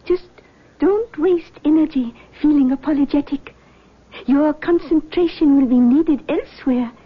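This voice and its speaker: A woman playing a mysterious, commanding seance medium in a scripted drama, speaking slowly and gravely with portentous pauses. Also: high voice, muffled recording. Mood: formal, commanding.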